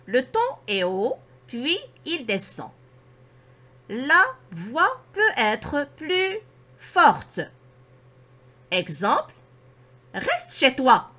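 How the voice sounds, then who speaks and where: Slow, lively high-voiced woman teacher. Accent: Moroccan French. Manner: slow, carefully articulated explanations. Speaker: primary school teacher. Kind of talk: grammar lesson narration.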